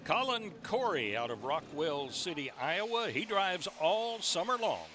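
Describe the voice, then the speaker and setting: Hosting a tractor pull, a man with a high, sing-song voice and a sharp tone talks a little slowly. His presentational play-by-play introduces and recaps, with the noisy outdoor track full of ambience and vehicle engines.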